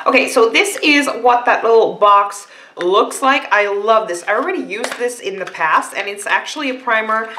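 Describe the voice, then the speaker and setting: Chatty woman vlogger, bright echoey voice. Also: on the high side, expressive, normal speed, few pauses, slight background noise. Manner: chatty, rambling, with frequent fillers. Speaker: beauty vlogger. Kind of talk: casual unboxing chat.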